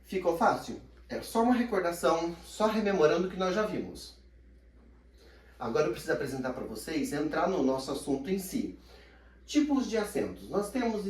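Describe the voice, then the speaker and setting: A man teaching a recorded grammar lesson, his pitch rising and falling in lively swings. He stretches out the syllables he wants to stress and plays his own students asking questions. The sound is roomy and echoey, with the speaker a little away from the microphone. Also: far from the mic. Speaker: Portuguese language teacher. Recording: echoey room, somewhat off-mic.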